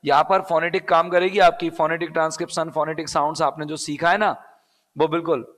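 Male English tutor, Rajasthani Hindi accent, slightly high voice, repetitive question-and-answer teaching, long reverb. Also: level tone, a little fast, fairly bright tone. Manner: explains step by step, repeats key words, asks and answers own questions. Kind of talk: live online exam-prep class.

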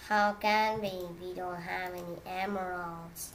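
A woman's voice: on the low side, a little slow. A woman chatting casually while playing a computer game, playful and making silly sound effects. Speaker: gamer making videos. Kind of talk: casual gaming chat. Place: at a computer, indoors. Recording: steady noise with keyboard clicks.

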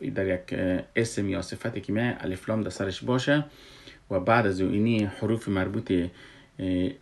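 A man's voice: lowish voice, creaky. A man teaching recitation rules patiently, repeating himself and asking rhetorical questions. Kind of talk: explaining a lesson.

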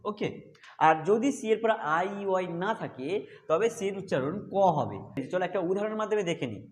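A man's voice: sits high, lively intonation, a little fast. A man teaching English pronunciation rules step by step, patiently repeating each point. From Bengal. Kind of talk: explaining a phonics lesson.

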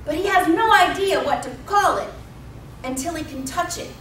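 Heard through a pulpit mic at a distance, a pastor in her thirties preaches a sermon in a church sanctuary, using emphatic repetition to tell the story. Her very high-pitched, fairly bright voice moves at a moderate pace, with roomy church acoustics and slight background noise.

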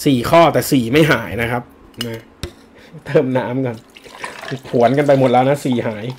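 A man's voice: mid-range voice, fairly even intonation, moderate pace, slight background noise. A man teaching English for an entrance exam on a livestream, chatting and joking casually as he answers viewer comments. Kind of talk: live-streamed lesson answering viewer comments.

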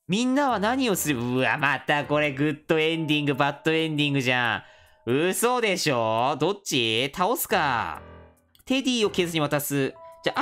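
A woman's voice: low voice, a bit bright. A woman commentating a game, reading its text aloud and rallying the other players in a playful tone. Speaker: gaming channel host.

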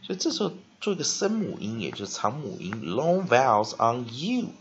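A male English teacher giving a vocabulary lesson, spelling words letter by letter and repeating them slowly. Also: mid-range voice, very animated, highs cut off.

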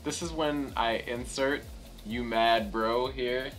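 A man's voice: mid-range voice, steady tone, takes it slowly, over loud music. A young man, bantering casually in a playful, mock-exasperated way. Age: young adult. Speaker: co-host learning tongue twisters. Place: living room couch, indoors.

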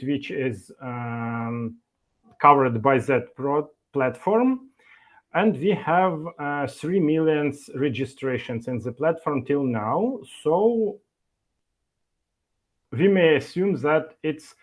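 A man presenting at an online meetup over a video call, speaking with frequent fillers and restarts. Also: medium pitch. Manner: halting, many fillers and restarts. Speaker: conference speaker from an e-learning developer.

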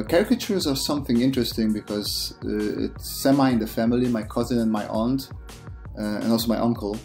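A gravelly, low-voiced artist who hosts a channel gives a casual voice-over about his drawing process. He sounds relaxed and self-deprecating, with lots of fillers and restarts.

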